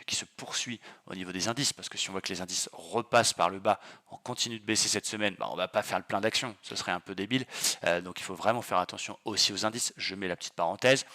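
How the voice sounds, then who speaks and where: A man's voice: on the low side, pushed and bright. A man hosting his trading channel, talking through stock charts casually and eagerly, with many fillers. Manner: enthusiastic, exclamatory, many fillers.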